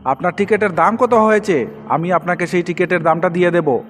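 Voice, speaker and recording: A man's voice: high voice, a little fast, fairly bright tone. An actor playing a stubborn young male passenger in a horror audio drama, indignant and pleading with the conductor. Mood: dismissive. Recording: long reverb with background music.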